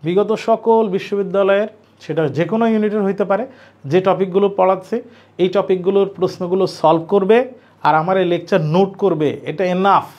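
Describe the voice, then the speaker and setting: Repetitive high-voiced male teacher. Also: fairly even intonation, a little mellow. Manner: explains slowly with many repetitions and questions to students. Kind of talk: online grammar lecture. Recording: dull lo-fi recording.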